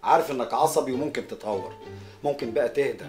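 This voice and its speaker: Calm Egyptian relative, played by an actor. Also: male voice, medium pitch, fast talker, faint music behind, lightly acted. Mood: worried. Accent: Egyptian Arabic. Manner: pleading, calming. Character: calm worried relative bringing bad news. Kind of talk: Egyptian film drama.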